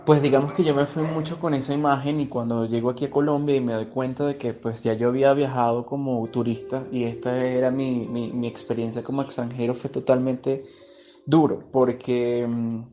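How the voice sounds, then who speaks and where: A Venezuelan man in his twenties, a journalist giving a reflective personal testimony with pauses and hesitations. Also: mid-range voice, little pitch movement, music in the background. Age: 20s.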